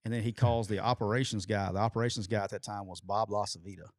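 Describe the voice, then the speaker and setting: A man, telling a long, animated and profane story as a podcast co-host. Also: lowish voice, fast, no echo, clean studio sound. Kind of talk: casual storytelling chat.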